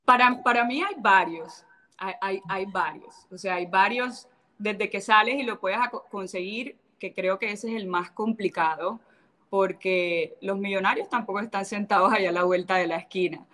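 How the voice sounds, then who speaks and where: A woman's voice: medium pitch, sharp tone. A woman from Cartagena with a Colombian Caribbean coast accent, talking bluntly and with sass as an interview guest. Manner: sassy, blunt, quick to mimic others. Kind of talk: casual interview chat.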